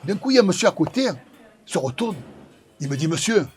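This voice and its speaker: A man with a Marseille accent from the south of France, telling a personal story in a dramatic, animated way and repeating phrases for effect. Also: high voice, a little fast. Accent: Marseille, southern French. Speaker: pizza maker telling his life story.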